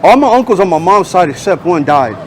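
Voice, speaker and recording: A man's voice: high-pitched, sing-song, a little fast. A man interviewing a stranger on the street in casual talk, pressing with questions and dropping in Spanish phrases.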